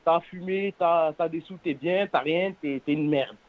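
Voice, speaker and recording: Young French suburban man, slangy, tinny phone. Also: a little high. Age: 20s. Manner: earnest, halting, repeats oaths and words. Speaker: phone-in caller. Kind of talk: casual chat in French suburb street slang. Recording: narrow, tinny phone-line sound.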